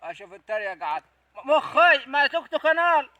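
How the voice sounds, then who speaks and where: A man's voice: very high-pitched, sing-song, quick pace, no echo, heavily acted. A man playing a scheming clover thief. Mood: bragging. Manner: bossy, hushing others in loud whispers. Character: scheming village man sneaking to steal clover.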